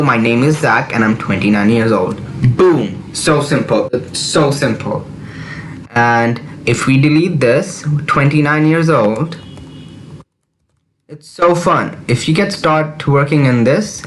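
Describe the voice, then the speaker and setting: Slow-talking man teaching beginner coding. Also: medium pitch, a bit bright, slight background noise. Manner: repetitive, reassuring, walks through steps aloud. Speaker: programming tutor. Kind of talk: screen-recorded coding tutorial.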